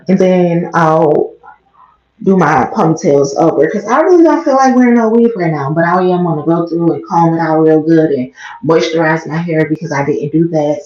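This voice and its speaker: An American woman with a slightly raspy voice rambles quietly and casually in a low-key vlog, the way a livestreamer might. She's using a headset mic held close to her mouth in a small bathroom, so the sound comes out muffled and echoey.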